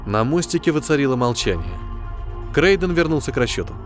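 A man's voice: mid-range voice, big pitch swings, a little fast. A man reading dramatic science fiction narration as an audiobook narrator. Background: faint music.

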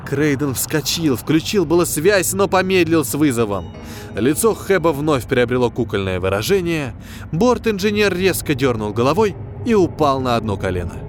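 A man's voice: fairly high pitch, very animated, normal speed. A man reading dramatic science fiction narration as an audiobook narrator. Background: faint music.

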